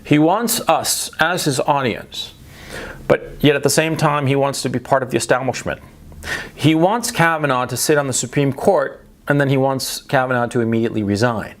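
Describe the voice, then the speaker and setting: A man speaking at a moderate pace in a medium-pitched voice gives a blunt, emphatic opinion monologue as a political commentator. He grew up in Chile and the United States, and he repeats himself for stress, frequently restarts, and ends points with "right?".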